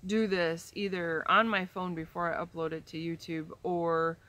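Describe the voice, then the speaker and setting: A woman around fifty vlogs from a chair in a leafy backyard, her low, sharp voice moving little in pitch at a normal pace. The camera faces her in a head-and-shoulders shot as she talks casually, full of ums, restarts and digressions.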